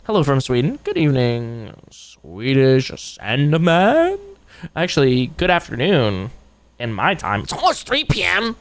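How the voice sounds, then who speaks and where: A man with an excitable frat-bro manner, swearing and using slang in casual reaction commentary as a streamer. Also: a little high, normal speed, no room sound.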